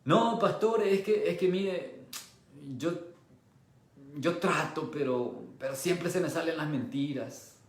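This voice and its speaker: A man's voice: on the high side, slow pace, roomy sound, pitched below the performer's own voice. A man voicing a sheepish male churchgoer who stammers out excuses. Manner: hesitant, stammering, mumbling.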